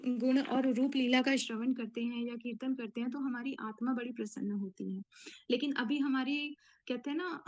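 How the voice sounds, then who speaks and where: A woman speaks in a slightly high voice as she gives a devotional discourse. She explains each point at a measured pace, pausing often and using fillers as she gathers her thoughts. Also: lo-fi sound. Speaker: spiritual speaker.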